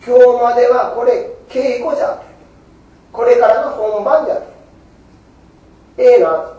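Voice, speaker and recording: A man's voice: very high-pitched, measured pace, warm tone, highs cut off. A man with a giving a Buddhist sermon in a folksy, earnest, coaxing way. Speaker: Buddhist preacher. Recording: very echoey hall, mic far off.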